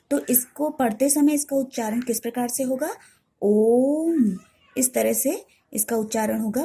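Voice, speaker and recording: Slow-speaking woman Hindi teacher. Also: on the high side, dark tone. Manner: slow, clear dictation-like explanation with repetition. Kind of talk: online grammar lesson.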